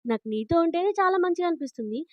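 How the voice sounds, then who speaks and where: A woman's voice: very high-pitched, animated, racing, dry recording, lo-fi sound, voice pushed up. Pushy young CEO, as a woman quotes him. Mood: insistent. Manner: quoted plainly in the narrator's own voice.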